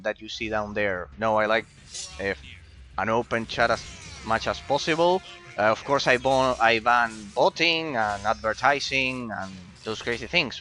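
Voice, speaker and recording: A game streamer from Argentina, a native Spanish speaker with an Argentine accent, has a mid-range voice with a sharp tone. He chats with his live viewers casually and very politely, frequently repeating words for emphasis, while faint game music plays.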